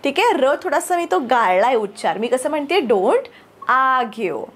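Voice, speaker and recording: A woman with a Marathi accent teaching spoken English. She says each English phrase slowly and twice for learners to repeat, and in between she gives quick, encouraging explanations. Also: sits high, very animated. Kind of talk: bilingual spoken-English drill lesson.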